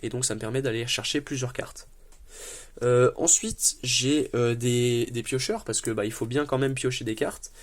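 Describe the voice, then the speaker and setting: A man's voice: mid-range voice, fairly even intonation, moderate pace. A man presenting a card game deck in a casual way, explaining card by card, paraphrasing the rules text, with easygoing, light self-mocking asides.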